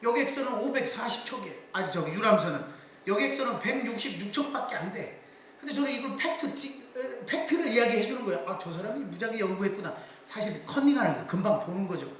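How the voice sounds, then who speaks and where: Middle-aged male lecturer, high voice, lively asides, heard from a distance in a very echoey hall. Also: a little hiss or hum. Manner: animated storytelling with quick asides to the audience. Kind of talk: public lecture.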